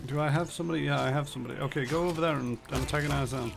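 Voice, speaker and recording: A man's voice: on the high side, steady tone, rapid-fire, gravelly, background noise. A man streaming a video game, chatting casually and thinking aloud with lots of fillers. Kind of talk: casual gameplay commentary.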